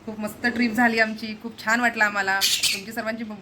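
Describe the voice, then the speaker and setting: A woman's voice: on the high side, little pitch movement, fast talker, noisy background. A woman from the Konkan in India, chatting casually and rambling to her viewers in a home vlog, laughing often. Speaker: vlogger.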